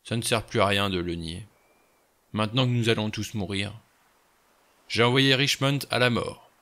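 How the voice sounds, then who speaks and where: A man voicing a weary, haunted old general who speaks slowly and quietly with regret. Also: lowish voice. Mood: resigned.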